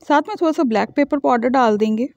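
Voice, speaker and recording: This is a fast-paced cooking voice-over from a high-voiced woman who hosts a cooking channel. Calmly guiding a home recipe, she explains every step, and the dull lo-fi track carries no room sound.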